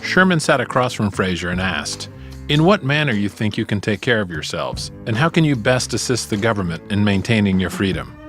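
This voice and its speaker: A man's voice: on the low side, very animated, a little fast, fairly bright tone, faint music behind. A man hosting a podcast, delivering scripted documentary narration.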